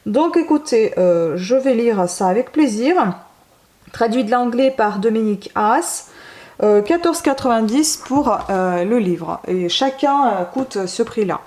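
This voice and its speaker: A woman's voice: on the high side, lively intonation, measured pace, mellow. Female vlogger, casual book-haul talk, hesitant delivery, fillers and self-corrections. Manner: hesitant, many fillers and restarts.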